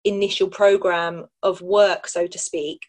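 Candid British mum chatting casually. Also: female voice, on the low side, fairly even intonation, unhurried. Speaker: mother, podcast guest. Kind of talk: casual personal chat.

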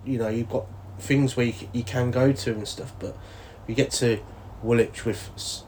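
A man's voice: medium pitch, slight background noise. A man, a former soldier chatting as an interview guest, laughing often and acting out the voices of people in his stories. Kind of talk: casual interview storytelling.

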